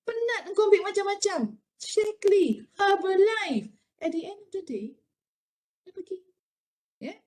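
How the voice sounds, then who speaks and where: A middle-aged Malaysian woman giving an expressive motivational university lecture, mixing Malay and English with many rhetorical questions. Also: sits high.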